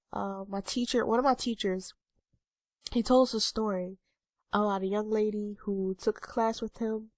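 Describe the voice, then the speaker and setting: There's no echo on this mid-range female voice. She's a twenty-something vlogger with a stuffy nose, casually rambling at the camera for her viewers with frequent ums and uhs.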